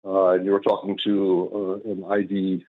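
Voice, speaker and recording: A man's voice: low-pitched, monotone, normal speed. Older man calling in over a tinny line. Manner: hesitant, many fillers and restarts. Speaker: caller. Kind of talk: call-in debate. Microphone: phone call.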